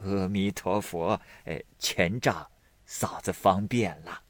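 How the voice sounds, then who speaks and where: A man's voice: sits low, steady tone, slow, dry recording. A man voicing a humble old country granny. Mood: grateful. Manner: earthy, homely and deferential. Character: humble elderly country grandmother. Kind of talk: storytelling.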